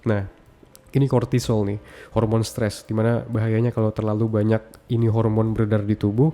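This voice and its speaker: A man talks to camera in a relaxed, slangy advice monologue, addressing the viewer directly. His voice sits fairly low and has a dark, mellow tone. He stacks his points in quick, short phrases. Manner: speaks straight to the viewer in slangy, casual address; lists points one after another in short phrases. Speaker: self-improvement content creator. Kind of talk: casual talking-head advice monologue.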